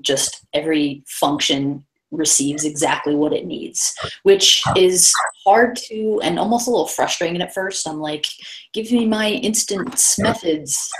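Over a video call, a woman with a deep voice presents a relaxed coding talk at a meetup, using slides and rambling through frequent fillers and false starts. The recording quality is low.

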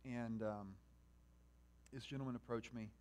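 A man preaching a sermon, talking directly to his listeners and swinging between quiet conversation and loud, impassioned preaching. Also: medium pitch, steady tone, a little slow, a little hiss or hum. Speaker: pastor.

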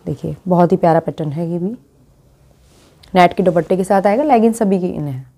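A woman's voice: on the low side, brisk, warm tone. A woman presenting a boutique's dresses, describing each garment as she shows it, speaking. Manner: describes garments while showing them. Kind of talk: product showcase talk.

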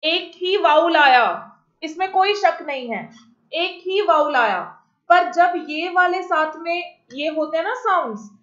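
A woman teacher running an exam-prep class, reading questions slowly in English and explaining quickly in Hindi, often repeating herself. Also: very high voice, a bit bright. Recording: echoey, dull lo-fi audio.

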